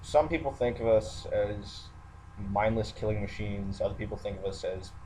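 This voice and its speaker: An online video ranter who works in the military speaks off the cuff to listeners, plain and matter-of-fact, hesitating as he works through his thoughts. His voice sits on the low side, dark in tone, at a moderate pace. Audio is poor, with background noise and a roommate close by.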